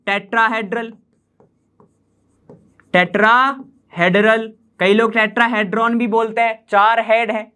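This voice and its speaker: His voice very high with a level tone, pushed, bright and clean, a man leads an online chemistry class. He chats casually while drawing on a board, checking in with students often and repeating key terms at a slow pace.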